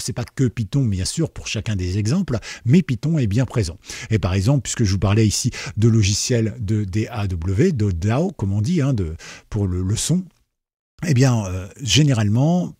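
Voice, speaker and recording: A man's voice: mid-range voice, dark tone, husky, no echo, studio quality. A man teaching programming in a casual spoken tutorial, chatty, with many fillers and restarts, who explains simply and keeps checking in with his listeners.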